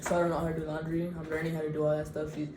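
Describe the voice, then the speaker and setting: A woman's voice: deep voice, monotone, racing, reverberant, noisy background. A woman of about twenty co-hosting a casual Q&A vlog, speaking frankly and chattily and teasing herself. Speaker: vlog co-host.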